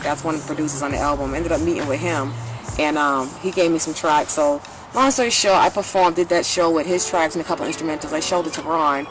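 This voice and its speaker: A woman singer talks fast in a deep voice during a candid interview, rambling, swearing and saying "like" constantly. Music plays beneath her voice.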